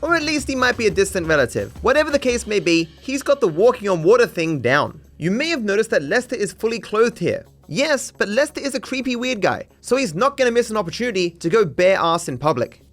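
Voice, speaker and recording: Sing-song and fairly quick, with hardly any pauses, a high-pitched, fairly bright male voice reads scripted jokes over video game footage. The sarcasm is dry and mock-serious, and music runs under him.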